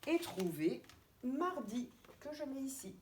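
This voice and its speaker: A woman kindergarten teacher with a French accent giving a remote lesson to young children, spelling out letters and syllables slowly and clearly. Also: sits high, big pitch swings, darkish tone. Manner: slow, deliberate, stretching out syllables and letters. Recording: distant mic with faint background noise.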